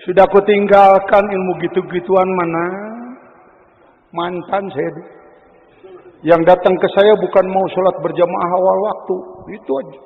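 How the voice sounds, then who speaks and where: High-voiced preacher in a reverberant hall. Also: male voice, level tone, moderate pace, narrow, tinny audio. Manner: wide swings from loud exclamations to low murmurs, teasing the audience. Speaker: Islamic preacher. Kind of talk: sermon.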